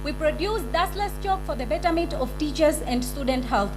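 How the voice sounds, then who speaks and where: A young woman with a Zanzibari accent giving a formal, rehearsed business pitch to an audience, stumbling over some words. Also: lively intonation, fairly quick, music in the background. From Zanzibar, Tanzania. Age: young adult.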